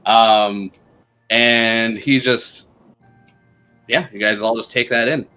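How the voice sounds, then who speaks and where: A man's voice: medium pitch, steady tone, slow pace, pushed and bright, smooth, faint music behind. A man narrating as game master of a tabletop game, in an easygoing, hesitant way. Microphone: streaming microphone.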